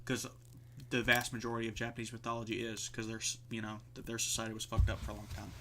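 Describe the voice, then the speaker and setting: A man's voice: fairly low pitch, completely flat delivery, fast talker, sharp tone, a little hiss or hum. A man co-hosting a podcast in casual chat, rambling with lots of fillers and swearing freely. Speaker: podcast co-host.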